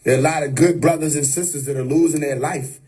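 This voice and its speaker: Talking fast in a slightly high, steady voice with a dark tone, a man hosts a livestream and preaches in an unscripted monologue over a phone or webcam mic. He's emphatic and repetitive, returning again and again to "you know what I mean."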